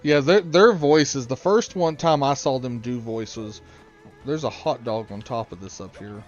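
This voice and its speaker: A man's voice: mid-range voice, normal speed, darkish tone, dull audio, soft background music. Profane rambling let's play guy. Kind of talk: casual gaming chat.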